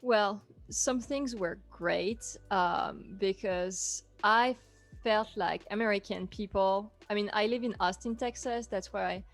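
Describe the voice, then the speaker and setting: French accent lady chatting as a guest, trails off soft at the ends, bit of music in the back. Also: mid-range voice, takes it slowly. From France. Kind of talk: casual interview chat.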